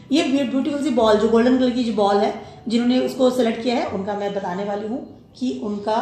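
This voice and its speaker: A woman giving a pick-a-card tarot reading, switching between Hindi and English and often checking in with the viewer. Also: fairly high pitch. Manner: mixes Hindi and English, warm advising tone with frequent "okay?" check-ins. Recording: very echoey room with music.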